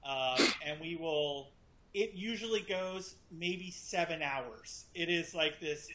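Man moderating a video-call panel; bright voice, dry joking delivery. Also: on the high side, takes it slowly, a little hiss or hum, poor audio. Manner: teasing, wry deadpan humor.

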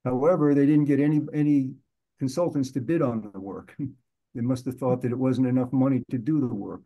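A man giving a consultant's report in a video-call meeting, measured and detailed, with frequent restarts. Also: mid-range voice, highs cut off.

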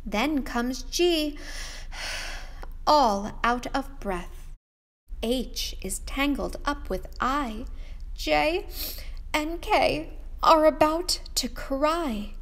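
A woman hosting a children's read-aloud, reading a picture book in a sing-song way that moves between hushed and loud lines. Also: sits high, expressive, drawn-out words.

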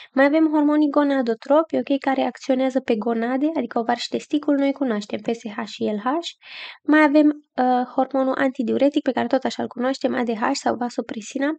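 A woman's voice: high voice, creaky, dark tone. A young woman giving a casual exam review lesson, chatty and checking in often with her listeners.

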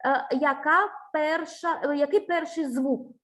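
A speech teacher gives a child a one-on-one lesson in a high, steady, fairly bright voice, speaking a little slowly. She is patient and encouraging, asks many questions, and sings out vowel sounds to demonstrate them.

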